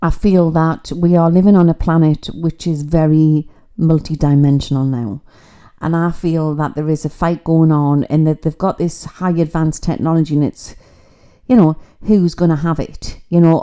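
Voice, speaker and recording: Mellow low-voiced psychic woman. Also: steady tone, normal speed. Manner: chatty, rambling, mystical. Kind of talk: casual livestream spiritual reading.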